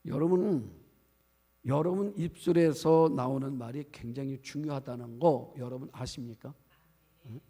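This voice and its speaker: A man's voice: medium pitch, a little slow, dark tone, breathy edge. A male pastor preaching a sermon to his congregation, asking them questions as he goes. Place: church sanctuary. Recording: long church hall reverb.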